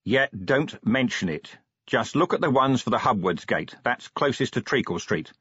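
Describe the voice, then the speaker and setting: A gruff, tired middle-aged watch commander, voiced by a man who talks in short, matter-of-fact bursts. The voice is husky and the recording dull and dry, with no room sound. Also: mid-range voice, animated, moderate pace, a bit bright, dry recording. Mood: brusque.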